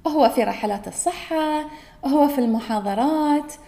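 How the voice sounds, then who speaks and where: A woman's voice: sits high, moderate pace, vocal fry, dark tone. A woman with a Gulf Arabic accent hosting a podcast, talking in an earnest, musing solo monologue and correcting herself as she goes. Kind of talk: reflective solo talk.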